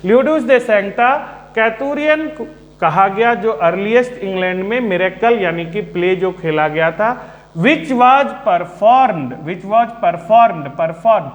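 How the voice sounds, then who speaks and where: A man teaching a literature class, speaking slowly and calmly, repeating and spelling out words for his students. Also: high voice, highs cut off. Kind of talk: Hindi-English literature lesson. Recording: echoey room.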